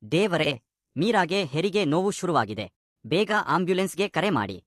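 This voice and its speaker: A man's voice: a little high, lively intonation, normal speed, dry recording, studio quality, natural voice. A man voicing a caring, motherly older woman next door, speaking affectionately. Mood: alarmed. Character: motherly older female neighbor, warm and caring.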